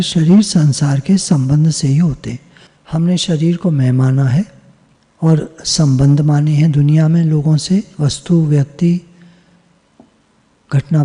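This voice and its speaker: A man giving a devotional discourse on scripture over a video call, teaching in a measured way, repeating phrases and asking and answering his own questions. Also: a little high, dark tone, slightly rough, in a large hall. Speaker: spiritual teacher.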